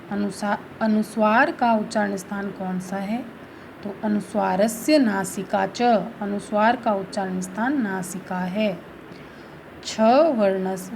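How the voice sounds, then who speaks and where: Slow, gravelly woman teacher. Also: mid-range voice, darkish tone, slight background noise, poor audio. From India. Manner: slow, careful explanation, reads Sanskrit then explains in Hindi. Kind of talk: school lesson.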